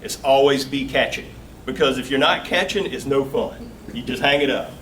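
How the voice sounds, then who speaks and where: Speaking at a normal speed in a mid-range, slightly bright voice, a 40-something man with a Southern Augusta, Georgia accent jokes easily as a guest at a casual company talk. Filler words and a folksy manner fill his speech, heard via a distant mic with faint room noise.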